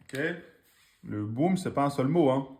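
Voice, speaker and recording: A man's voice: medium pitch, expressive, measured pace, darkish tone. A man teaching Quran reading in during a live online lesson, patiently sounding out syllables again and again.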